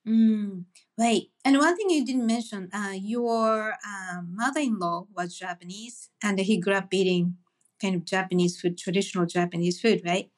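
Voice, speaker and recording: A woman's voice: mid-range voice, normal speed. A woman hosting a food podcast, reading a prepared introduction and then asking her guest questions. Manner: steady, reads a prepared introduction, then asks short questions. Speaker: podcast host.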